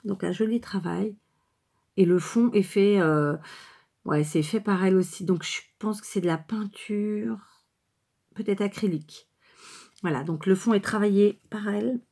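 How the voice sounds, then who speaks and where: Chatty breathy woman, rambling show-and-tell. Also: medium pitch, dark tone. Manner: chatty, rambling, many hesitations and self-corrections. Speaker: vlogger showing received craft cards. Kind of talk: casual unscripted show-and-tell.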